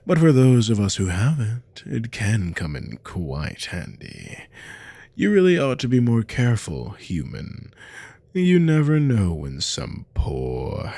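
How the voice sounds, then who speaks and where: Lord Voss, gravelly cruel naga commander. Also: male voice, deep voice, a little mellow, no echo, full character voice. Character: cruel, haughty male naga army commander, menacing serpent lord. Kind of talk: scripted ASMR role-play monologue to a captive listener.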